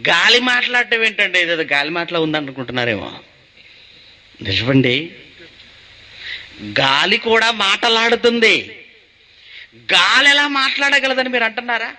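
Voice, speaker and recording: Male pastor, high and lively voice, preaches by asking questions and then answering them. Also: measured pace, pauses often. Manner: asks the listeners questions and answers them himself. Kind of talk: sermon.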